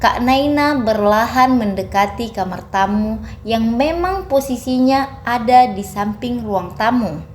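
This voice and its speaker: A woman's voice: on the high side, lively intonation, unhurried, slight background noise. A woman narrating a horror story steadily and dramatically.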